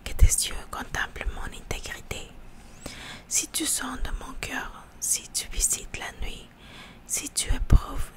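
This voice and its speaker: A woman reading scripture aloud for ASMR in a hushed library whisper, halting now and then to repeat words. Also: high-pitched, flat delivery. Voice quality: hushed library-style whisper, mostly unvoiced.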